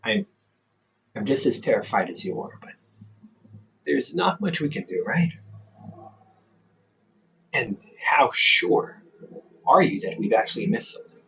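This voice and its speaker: A man plays an older brother, a male scholar, in an intimate one-sided audio roleplay, gently teasing and reassuring. He speaks unhurriedly and haltingly in a sing-song, creaky voice whose pitch moves freely, heavily acted. The low-quality hobby microphone recording has faint background noise.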